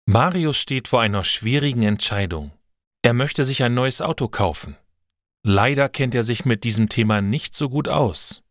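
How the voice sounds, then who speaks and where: A man reading simple stories aloud for language learners, slow and clear. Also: mid-range voice, lively intonation, dry recording, clean studio sound. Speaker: narrator. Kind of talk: scripted narration for language learners.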